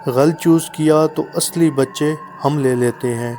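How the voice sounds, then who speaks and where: A man voicing a sinister old male hotel receptionist with a dry, slow voice in a spoken horror story. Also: a little high, a little mellow, soft background music, close to an everyday voice. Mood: menacing.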